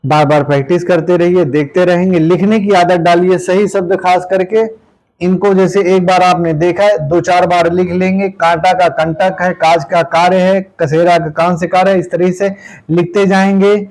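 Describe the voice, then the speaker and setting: A man with a somewhat high voice teaches a Hindi grammar class for exam students. He explains patiently with homely everyday examples. He goes word by word, repeating each one slowly and dropping "okay" after nearly every point. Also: level tone, darkish tone, rough recording. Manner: repeats words slowly, tags lines with "ठीक है". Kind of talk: exam-prep grammar lesson.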